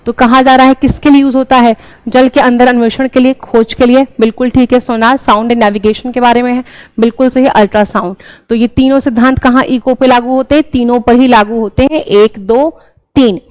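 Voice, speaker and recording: A woman's voice: a little high, steady tone, fairly quick, a little mellow, clear, resonant tone, dry recording, poor audio. A young woman teaching an exam-prep class, explaining each answer step by step and often checking in with her listeners. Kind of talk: exam-prep lesson, solving questions.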